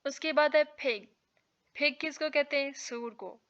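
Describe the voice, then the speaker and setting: A woman teaching English vocabulary, repeating each word slowly and asking and answering her own questions. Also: high-pitched, a bit bright, dull audio. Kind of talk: slow vocabulary lesson with repetition.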